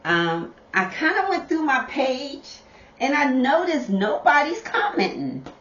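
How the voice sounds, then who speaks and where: A middle-aged mother talking casually to her viewers on camera, slow and repetitive, calling them y'all. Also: high voice, very animated, a bit bright. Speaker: vlogger, mother. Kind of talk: casual direct-to-camera talk. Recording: dull, roomy, distant camera audio.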